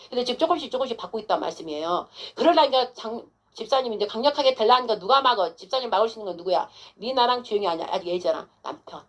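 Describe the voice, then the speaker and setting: A woman pastor giving an informal, emphatic sermon to a congregant, coaxing with frequent rhetorical questions. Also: on the high side.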